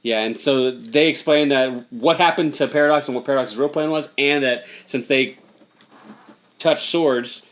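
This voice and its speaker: A man's voice: mid-range voice, normal speed, fairly bright tone. A man casually recapping a movie with friends, rambling, swearing and laughing as he talks. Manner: rambling, swearing, laughs through his lines. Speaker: podcast co-host.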